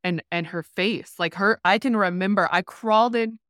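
Woman, podcast guest, animated storyteller, filler-heavy, mid pitch, close dry sound. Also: normal speed, no echo. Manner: animated, lots of "like" fillers, acts out quotes. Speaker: podcast guest, rural entrepreneur. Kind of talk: candid storytelling in conversation.

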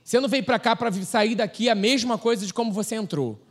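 A man with a Brazilian Portuguese accent preaching a sermon in a relaxed, slangy way, telling stories and laughing. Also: high voice, quick pace. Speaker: pastor.

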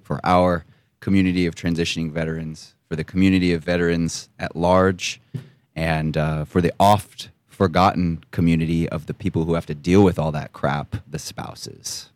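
A man's voice: deep voice, little pitch movement, normal speed, darkish tone, no echo. A man in his thirties co-hosting a casual podcast with a wry, teasing manner. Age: 30s. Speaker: podcast co-host.

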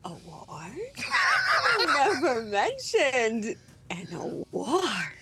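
A woman reading the Grinch, a grouchy, scheming male creature, in a comedic table read, sneering and jumping between mutters and shouts. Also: fairly high pitch, big pitch swings, a little slow, slight background noise. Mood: gleeful scheming.

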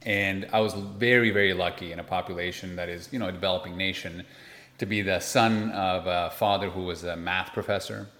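A Peruvian investment manager from Lima, in his forties, appears as an interview guest and shares personal stories conversationally. His deep voice holds a steady tone, moves briskly, and sounds fairly bright. The room gives the recording an echoey, roomy quality.

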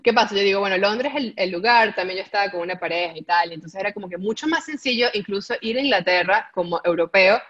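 A woman telling her story in casual chat, animated, laughing often and dropping English words into her Spanish. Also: medium pitch, fast talker, few pauses. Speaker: guest. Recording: dull lo-fi audio.

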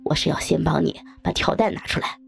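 A woman voicing a group of crude, boastful young men in a low, gruff put-on voice. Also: a little fast. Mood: leering.

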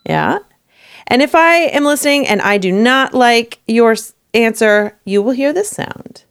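A woman's voice: fairly high pitch, smooth. A woman from Texas hosting a podcast and running a playful quiz game in casual chat.

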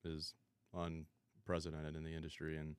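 A man's voice: a bass voice, monotone, moderate pace, clear, resonant tone, no echo. A man answering casually as an interview guest, a company founder talking in informal business speak.

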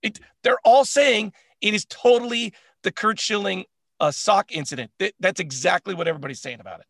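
A man co-hosting a casual sports chat, animated and laughing often, with lots of filler words. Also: high voice, fairly quick, gravelly, no room sound, studio quality. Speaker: co-host.

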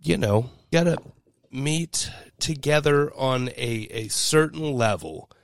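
A man co-hosting a podcast in casual chat, cracking deadpan jokes with hesitant starts and slow punchlines. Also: medium pitch, no echo, clean studio sound. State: drinking. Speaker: podcast co-host.

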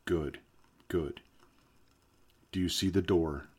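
A man plays a weary vlogger at the end of the world, his voice sitting a little low. He hesitates and restarts as he talks to the camera. When he hypnotizes someone, he slows into a calm, soothing murmur. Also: slightly rough, full character voice. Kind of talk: found-footage vlog acting.

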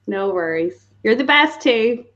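Woman, brief asides, high lively voice, dull distant sound. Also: a little slow. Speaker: host's helper off to the side.

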